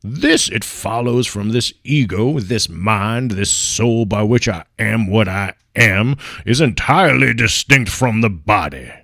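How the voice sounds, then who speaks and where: A man's voice: lowish voice, animated, unhurried, vocal fry, hardly any pauses, a bit bright, no room sound, clean studio sound, heavily acted. A man doing an old-timey voice as a stately male orator, declaiming in a theatrical way. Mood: grandiose.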